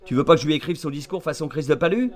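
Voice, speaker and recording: An actor playing an irascible, sarcastic, foul-mouthed agent barking orders over the phone in a radio drama. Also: male voice, a little high, lively intonation, rapid-fire, lightly acted. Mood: sarcastic, exasperated. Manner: sarcastic, bullying, blunt. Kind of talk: radio drama acting, phone-call monologue.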